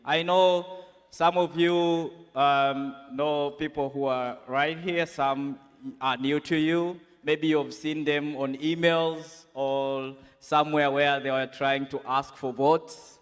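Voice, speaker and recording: A man hosts a conference session at an unhurried pace, his voice smooth and clear. He keeps things loose, with fillers and questions to the crowd. The sound rings with the long reverb of a large hall. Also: fairly high pitch. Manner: relaxed, filler-heavy, audience-prompting. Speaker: session moderator.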